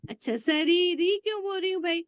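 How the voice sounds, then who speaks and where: A woman from India teaches Arabic grammar in an online class, patiently drilling words and questioning her students. Her voice is very high and her pace normal. The online class audio has no echo, and the highs are cut off.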